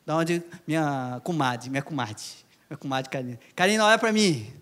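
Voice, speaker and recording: High-voiced Brazilian man preaching animatedly. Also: moderate pace. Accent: Brazilian Portuguese. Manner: animated, repeats phrases, calls out to the congregation. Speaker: lay preacher. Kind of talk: sermon. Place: church.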